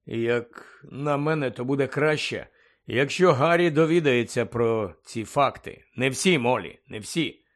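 A man voicing a quiet, composed man who speaks softly and unhurriedly. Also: medium pitch, close to an everyday voice. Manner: soft-spoken, unhurried.

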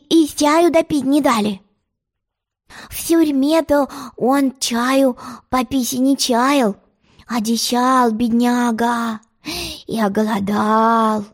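A woman voicing a nosy, quick-tempered male messenger in a storybook. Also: fairly high pitch, steady tone. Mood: gossipy. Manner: pushy, prying, quick-tempered. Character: bossy chatty male royal messenger. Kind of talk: storybook narration.

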